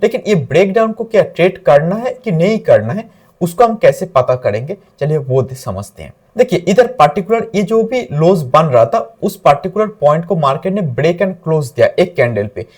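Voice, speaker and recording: Husky man teaching chart trading. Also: a little high, sing-song, moderate pace, darkish tone. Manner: mixes English trading terms into Hindi, points at the chart. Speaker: trading instructor. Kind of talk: explaining chart examples.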